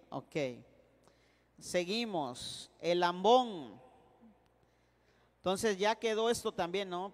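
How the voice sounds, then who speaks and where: Priest teaching a class, higher voice, slow, keeps asking if everyone follows, big echoey hall. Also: male voice. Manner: playful, keeps checking the class understands. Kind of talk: classroom lecture.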